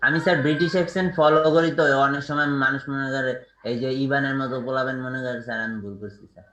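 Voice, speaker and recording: Fast, bright-voiced student man. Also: mid-range voice, fairly even intonation. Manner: fast, keeps saying sir, defensive. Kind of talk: online class discussion. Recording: echoey room.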